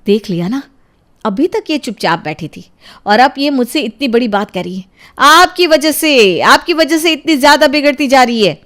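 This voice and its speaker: A woman voicing a strict, exasperated mother in a cartoon storybook, scolding in a shrill tone. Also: animated, moderate pace, fairly bright tone.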